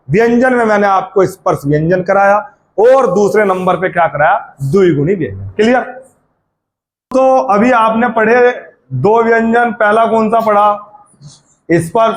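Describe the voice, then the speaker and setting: High-voiced man teaching Hindi. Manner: drawls words out slowly to spell out sounds. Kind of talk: classroom-style video lesson.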